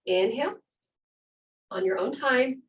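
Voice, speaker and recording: A woman theater instructor leading an interactive workshop, calm and guiding, slowing down for visualization. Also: high voice, background noise. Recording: muffled audio from far off.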